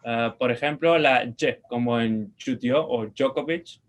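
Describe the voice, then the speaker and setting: Spanish-man teaching a language lesson. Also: mid-range voice. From Spain. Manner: patient, repeats words slowly for pronunciation; checks in with short questions.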